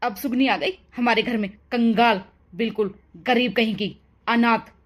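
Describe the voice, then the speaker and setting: A woman's voice: fairly high pitch, fairly even intonation, unhurried, pitched below the performer's own voice. A woman voicing a harsh older mother-in-law in a cartoon story, scolding and taunting. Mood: scornful.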